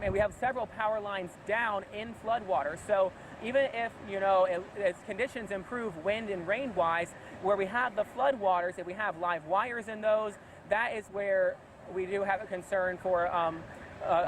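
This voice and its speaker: A man's voice: high-pitched, normal speed, poor audio. A man working as a field reporter, giving unscripted live storm coverage outdoors and projecting over the wind. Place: outdoors by a flooded road in a hurricane.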